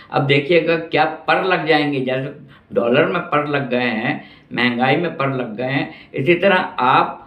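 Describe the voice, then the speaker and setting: An older Pakistani man, a vlogger, looks back on his city in a slow, reflective monologue, his voice sitting a little high. He repeats phrases for emphasis and grows indignant when prices come up. The recording is roomy, dull and lo-fi.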